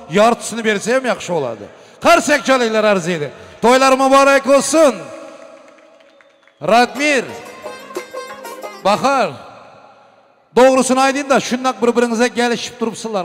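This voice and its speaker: Booming high-pitched male wedding announcer. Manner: festive, emphatic, blessing the couple and directing guests. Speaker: wedding master of ceremonies. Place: reverberant wedding venue. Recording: hall reverb with music behind. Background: music.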